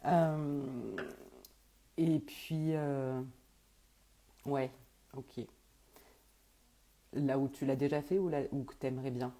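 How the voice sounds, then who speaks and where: A woman's voice: very deep voice, fairly even intonation, slow pace, long pauses, dark tone. A woman working as a medium who answers viewers' questions in a casual live stream, talking hesitantly with many fillers and restarts.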